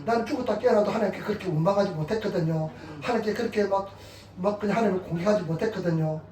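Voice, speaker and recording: Recorded from afar with the echo of a church hall, a middle-aged male pastor delivers a sermon of personal testimony in the sanctuary. His voice sits high for a man, and he tells his stories rapid-fire, animated, chuckling now and then.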